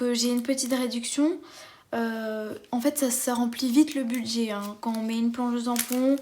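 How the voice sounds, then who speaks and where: A woman's voice: fairly high pitch, darkish tone, a little hiss or hum. A woman chatting enthusiastically as she unboxes a craft kit for her viewers. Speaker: craft vlogger. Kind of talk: casual unboxing chat.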